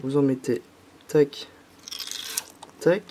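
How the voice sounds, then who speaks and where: A young French YouTuber with a slight head cold walks viewers through a candy kit tutorial, patiently going step by step and using lots of fillers. His voice is medium-pitched and warm, and he speaks extremely slowly over slight background noise.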